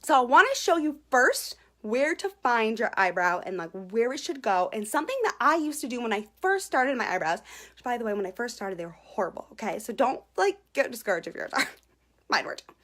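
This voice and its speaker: During a live-stream eyebrow tutorial, a young beauty vlogger chats away, giggly, self-conscious and a bit nervous, ending almost every sentence with "okay?" and greeting viewers by name. Her voice is on the high side, very animated, fairly quick and fairly bright.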